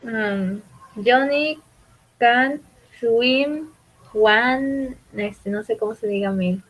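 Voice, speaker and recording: Woman, very slow, hesitant, student, pitch a little high. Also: rough recording.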